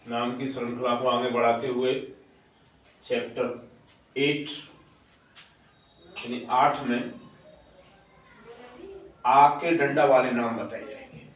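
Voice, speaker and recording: A man teaching children a spelling lesson, explaining slowly and patiently and repeating his points. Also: medium pitch, little pitch movement. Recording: very echoey room, voice distant from mic.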